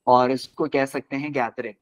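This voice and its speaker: A man teaching a class as a language teacher, patiently repeating words slowly for his students. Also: medium pitch, fairly even intonation. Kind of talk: classroom lesson. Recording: dull lo-fi recording.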